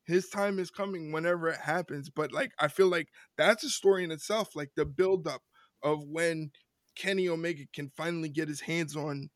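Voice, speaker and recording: Guy co-hosting a wrestling podcast, ranty, repeats himself, high voice. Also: moderate pace, a bit bright, dry recording, clean studio sound. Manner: ranting, repeats words, laughs often. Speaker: podcast co-host. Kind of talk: casual wrestling podcast chat.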